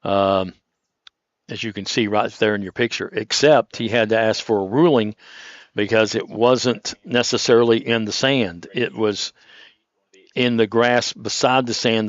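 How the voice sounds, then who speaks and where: A man's voice: on the low side, fairly even intonation, moderate pace, no room sound. Male golf commentator, chatty, dull dry recording. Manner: chatty, anecdotal, rambling. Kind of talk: relaxed, conversational golf commentary.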